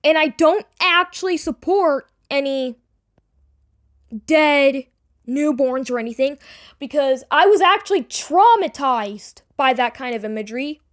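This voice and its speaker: A woman giving an unscripted, defensive personal explanation to an online audience, rambling and halting with repeated words and casual swearing. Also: high-pitched, expressive. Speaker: online creator addressing the audience. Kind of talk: unscripted personal apology and self-defence video.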